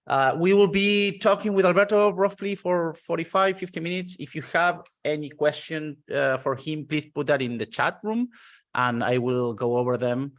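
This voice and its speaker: A man hosting an online interview, enthusiastic and halting, with many fillers. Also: fairly high pitch. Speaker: interview host.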